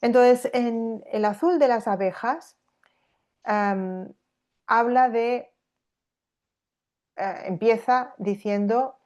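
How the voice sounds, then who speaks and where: Here a woman from Spain lectures on literature in a fairly high, darkish voice, drawing out her words and pausing frequently. She reasons aloud, stumbling through fillers and restarts, and repeatedly asks the audience "¿no?" to check they're with her.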